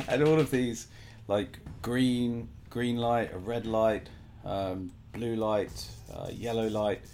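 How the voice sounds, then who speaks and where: A man's voice: lowish voice, lively intonation, slow, a little mellow, faint music behind. A man playing a tabletop game, hesitant and good-humoured as he describes his actions. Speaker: player. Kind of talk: casual tabletop play.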